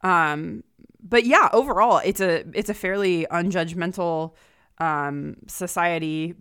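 A woman co-hosts a podcast discussing a graphic novel, speaking casually and acting out imagined quotes to make her points. Her voice is on the low side, slow, a bit bright, clear and resonant.

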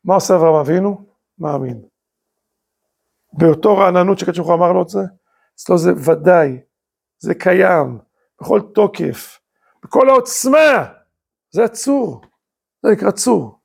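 A man's voice: high voice, vocal fry, a little mellow, slightly rough. A man, a rabbi, teaching a Torah class, full of rhetorical questions and emphatic rising bursts. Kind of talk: lively Torah lecture.

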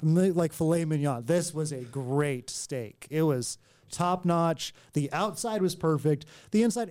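Twenty-something guy on a podcast, mellow tone, kinda higher voice, easygoing. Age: 20s. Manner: easygoing, eager, chiming in. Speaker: podcast co-host. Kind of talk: casual chat.

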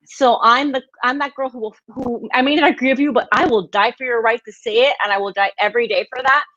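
A woman from Miami, Florida, a guest in an interview, telling her life story in a warm, proud way. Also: fairly high pitch, steady tone, fast, highs cut off. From Miami, Florida, United States. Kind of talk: casual interview chat.

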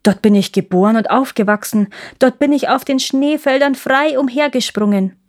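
A gentle, homesick male reindeer from a fairy tale, voiced by a woman reader. He speaks with quiet longing and a raised, soft tone. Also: high-pitched, moderate pace, voice pushed up, lightly acted.

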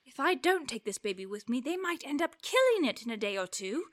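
A woman's voice: sits high, big pitch swings, brisk, no room sound. An actress playing Alice, a curious and polite young girl who wonders aloud and talks to herself. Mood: tender. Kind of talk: audio drama acting.

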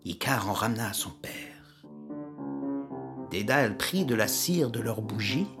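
A woman narrating a storybook tale, expressive with whispered asides. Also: very deep voice, measured pace, music in the background.

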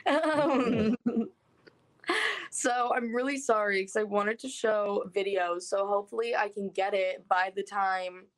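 A woman's voice: mid-range voice, steady tone, slow. A young woman, a co-host, chatting casually and saying "like" a lot, her voice coming through a phone connection. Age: young adult. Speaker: podcast co-host. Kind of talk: casual chat.

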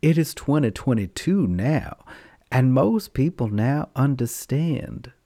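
A man with a campy, theatrical auntie-like manner and drawn-out words, talking casually and unscripted to his podcast listeners. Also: medium pitch, expressive, dark tone, no room sound, clean studio sound. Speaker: podcast host and storyteller.

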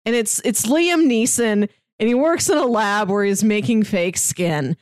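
A woman in her thirties co-hosts a podcast, chatting casually about pop culture in a wry, rambling way of explaining things. Her voice is mid-range and her pace measured, captured in a dry recording.

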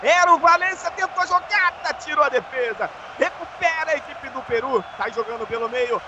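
A Brazilian man giving colloquial, animated live radio commentary on a football match. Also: extremely high pitch, brisk. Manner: colloquial, animated play-calling. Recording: dull, lo-fi sound with faint noise.

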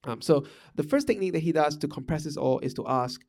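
This Malaysian podcast host has a somewhat high, darkish voice with vocal fry, and he talks fast and expressively. He muses on management ideas in a casual monologue, thoughtful but riddled with fillers and restarts.

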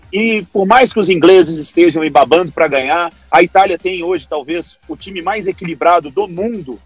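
A man's voice: high-pitched, slightly rough, no room sound. A Brazilian man giving casual sports commentary as a podcast panellist.

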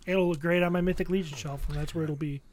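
A man's voice: on the high side, steady tone, quick pace, a little mellow. Eager man chatting about figures. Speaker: podcast co-host. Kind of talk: casual chat.

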